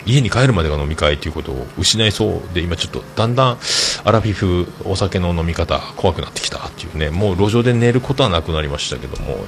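Hosting a casual podcast, a man in his 40s goes through listener comments and rambles through stories, dropping many filler sounds. He talks fast in a low voice with lively intonation, hardly pausing, and there's slight noise behind him.

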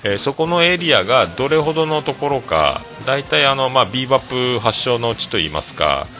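At medium pitch and a fairly quick pace, this middle-aged host from Fukuoka tells meandering stories on his solo stream, using many fillers and quoting others with gusto. He owns a restaurant, and faint music can be heard behind him.

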